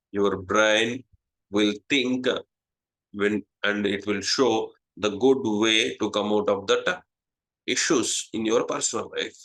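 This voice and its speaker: A man with an Indian English accent, whose first language is Telugu, hosting a casual spiritual talk and pausing often with "uh" and "okay". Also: fairly low pitch, a bit bright, low-quality recording. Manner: slow, halting, many "uh" and "okay". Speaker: astrologer, channel host.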